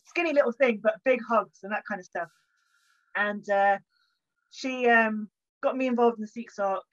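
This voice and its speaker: A young woman with a southern English accent, a historian guesting on a podcast, telling stories in a chatty, informal, self-deprecating way. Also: mid-range voice. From Buckinghamshire, England. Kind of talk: casual conversational storytelling. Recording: dull, band-limited audio.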